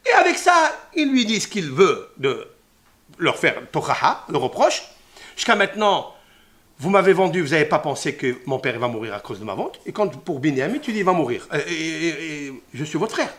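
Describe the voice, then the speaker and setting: A man teaches a scripture lesson in a fairly high voice that rises and falls in wide, lively swings. He drops to hushed murmurs, then bursts into loud exclamations, weaving Hebrew terms into his explanation. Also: normal speed. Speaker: Torah teacher.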